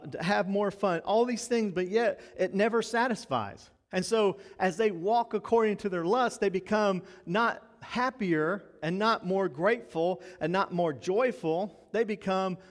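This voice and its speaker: A male pastor delivering a sermon with animated preaching, pushing louder and higher for emphasis, with folksy self-deprecating asides. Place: church sanctuary. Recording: long reverb from a church hall.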